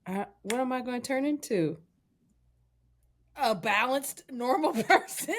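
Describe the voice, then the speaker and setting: A woman in her thirties co-hosts a podcast over a remote call, chatting casually and candidly, poking fun at herself and laughing often. Her voice is fairly high with lively intonation at a measured pace, and there's a faint hiss or hum.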